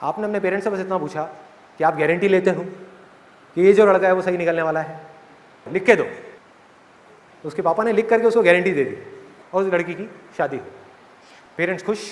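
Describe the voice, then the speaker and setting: A man in his thirties from India gives a live motivational talk in an animated, joking way, questioning the audience in a large auditorium. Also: high voice. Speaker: motivational speaker. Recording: reverberant hall with audience.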